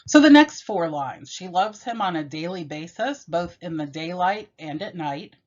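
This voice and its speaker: A woman giving a measured, explanatory poetry lesson and reading the poem aloud. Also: fairly low pitch, animated. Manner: measured, explanatory, with occasional self-corrections. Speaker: teacher. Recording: dull, lo-fi.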